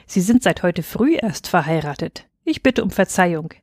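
Sprecherin als wichtigtuerischer Hotelober, steif und förmlich. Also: female voice, on the low side, animated, moderate pace, darkish tone, slightly rough, dry recording, clean studio sound. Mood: formal. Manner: formal, self-important. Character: stiff, pompous male hotel waiter.

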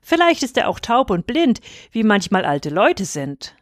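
A woman's voice: mid-range voice, big pitch swings, unhurried, dry recording, clean studio sound. A woman voicing a bitter, indignant middle-aged master shepherd who complains about injustice. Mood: angry.

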